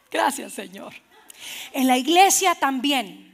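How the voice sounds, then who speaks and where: A woman pastor preaching a sermon in church, animated and playful, acting out little scenes for the congregation. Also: high voice, creaky.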